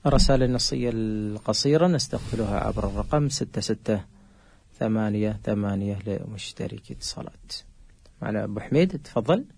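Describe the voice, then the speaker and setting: A man's voice: lowish voice, a little fast, gravelly, a little mellow, husky. A man hosting a live radio phone-in in a formal, courteous way. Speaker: radio program host.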